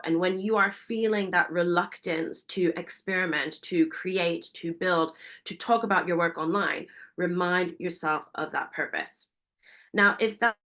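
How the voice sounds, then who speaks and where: A woman, a founder giving a fast, enthusiastic webinar presentation and asking her audience many questions. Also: fairly low pitch, a bit bright. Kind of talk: energetic business presentation.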